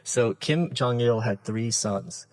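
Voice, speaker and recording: A man from the Soviet Union, a podcast guest in casual conversation, telling stories in a lively way and acting out the quoted lines. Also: mid-range voice, takes it slowly, no room sound, low-quality recording. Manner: animated storyteller who acts out quoted dialogue.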